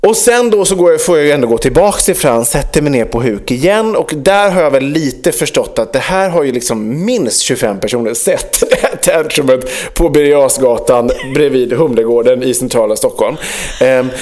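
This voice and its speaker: A man's voice: mid-range voice, expressive, darkish tone. A man co-hosting a casual podcast, telling a story with frequent fillers and acted-out dialogue. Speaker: podcast co-host.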